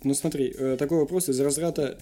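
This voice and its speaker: A slightly higher-voiced man with a soft, mellow tone hosts a casual interview over music. He burrs his r sounds and talks in a joking, self-deprecating way. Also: fairly even intonation, fairly quick. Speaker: interview show host.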